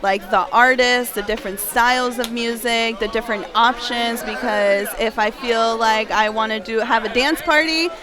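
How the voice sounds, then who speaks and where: A school guidance staff member from Massachusetts, United States, chats casually and enthusiastically as an interview guest. Her fairly high voice has fairly even intonation, normal speed and few pauses, with busy crowd chatter behind her.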